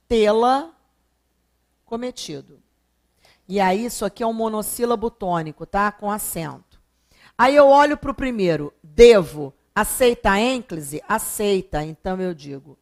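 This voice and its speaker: A woman teaching a grammar lesson, explaining each step and asking and answering her own questions. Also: mid-range voice. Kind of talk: classroom lecture.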